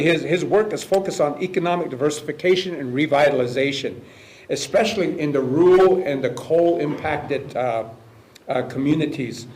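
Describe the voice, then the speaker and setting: A man hosting an event gives a halting spoken introduction of a guest speaker in an echoey room. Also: a little high, a little mellow, slight background noise.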